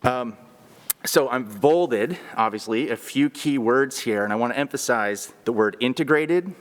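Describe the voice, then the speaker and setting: A man, a teacher, giving a formal presentation to a school board. He explains his ideas earnestly, with frequent pauses and restarts. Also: medium pitch, expressive, in a large hall. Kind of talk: formal presentation at a public meeting. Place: school board meeting room.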